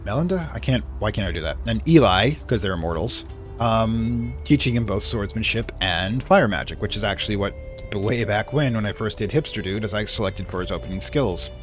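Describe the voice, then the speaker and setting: A man's voice: lowish voice, fairly quick, soft background music. A man doing casual game commentary, rambling and thinking aloud as he plays. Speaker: let's play commentator.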